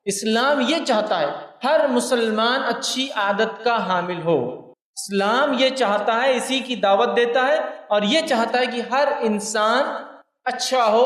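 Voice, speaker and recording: A man's voice: very high voice, a bit bright. A man giving a religious lecture to his listeners. He repeats his points for emphasis and speaks to them directly. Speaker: preacher. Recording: echoey hall, mic at a distance.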